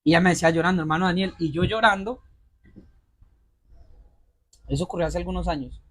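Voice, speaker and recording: A man delivers a sermon in a fairly high voice. He addresses his congregation directly and urges them to pay attention. He keeps pausing on rhetorical questions for them to answer. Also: a bit bright. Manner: direct, exhorting address to listeners. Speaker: pastor.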